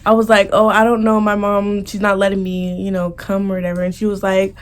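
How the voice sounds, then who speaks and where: Brisk and completely flat in delivery, this young American woman's medium-pitched voice carries informal storytime chat during a mukbang vlog, and she's prone to giggling.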